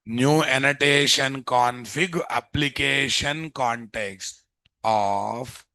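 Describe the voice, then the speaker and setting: Telugu indian guy teaching coding online, slow dictation, repeats stuff and keeps quizzing, dry close sound. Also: medium pitch, bright, forceful tone, no room sound. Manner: repeats phrases, frequently quizzes listeners with tag questions. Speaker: programming instructor. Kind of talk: live online lecture, dictating notes while typing. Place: indoors, live screen-share online class.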